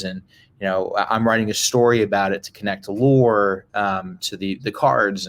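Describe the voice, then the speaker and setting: A man who grew up in Brazil answers interview questions at an unhurried pace, sprinkling his speech with fillers. His voice sits fairly low. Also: fairly bright tone. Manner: measured, many "um" and "you know" fillers. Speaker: interview guest, game creator. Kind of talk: casual interview chat.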